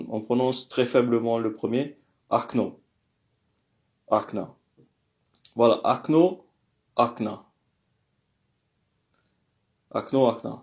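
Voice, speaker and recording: A man teaching a language lesson in a hesitant way, with many fillers and slow, careful pronunciation drills. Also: medium pitch, darkish tone.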